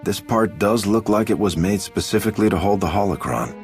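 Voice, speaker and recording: A man's voice: on the low side, fairly quick, a little mellow, soft background music, lightly acted. A man playing a cautious, serious soldier in a video game, speaking tersely. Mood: guarded, stern. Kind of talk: video game cutscene acting.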